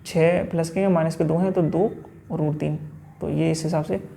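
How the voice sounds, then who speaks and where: A man teaches an exam-prep math lesson step by step, posing questions and answering them himself. His voice is very dark and gravelly. He speaks in a flat, level tone. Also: on the high side, moderate pace, slight background noise. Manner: talks through each step, asks and answers himself.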